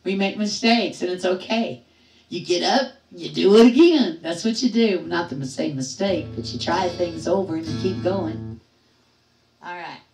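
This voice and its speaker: A woman's voice: fairly low pitch, unhurried, darkish tone. An older woman hosting a music livestream from her home, chatting cheerfully and greeting viewers by name. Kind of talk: casual chat with viewers. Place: home in a trailer park. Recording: roomy, distant from the mic.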